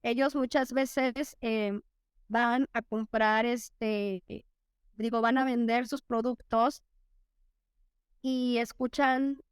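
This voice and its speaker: A woman's voice: fairly high pitch, steady tone, slow pace, smooth, dry recording, studio quality. A Mexican woman in her thirties, a teacher and interview guest, telling stories reflectively with many fillers and restarts.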